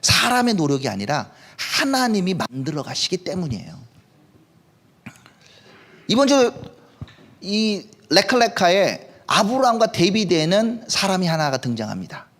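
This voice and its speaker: A male pastor preaching at a live worship service, with a high voice that swings widely in pitch. He talks in a conversational way and keeps asking his listeners questions. His delivery is lively and expressive. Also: a little slow. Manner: conversational, asks the congregation questions. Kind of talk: sermon.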